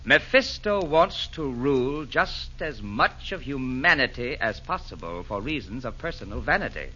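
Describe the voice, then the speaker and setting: Brief: an unruffled, wise Santa, bright lively voice, old lo-fi radio. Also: male voice, medium pitch, moderate pace, slight background noise. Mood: calm. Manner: unruffled, gently chiding, rhyming verse. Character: calm, wise, genial Santa Claus. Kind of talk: 1940s radio acting. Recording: dull lo-fi 1940s radio recording.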